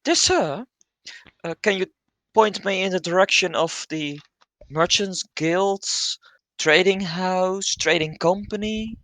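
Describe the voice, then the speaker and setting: A man's voice: high voice, takes it slowly, sharp tone, no room sound, heavily acted. A man with a Flemish accent voicing a traveling trader, speaking in an overly formal, hesitant way. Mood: polite. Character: polite traveling trader asking directions.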